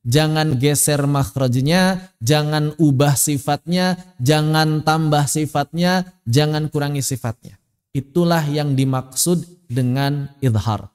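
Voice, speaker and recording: A fairly high-voiced man talks slowly and carefully, with a smooth, resonant tone. He teaches recitation in an online lesson and chants stretched-out examples, and his voice trails in a long reverb. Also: a little mellow. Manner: slow, demonstrates recitation in drawn-out chanted examples.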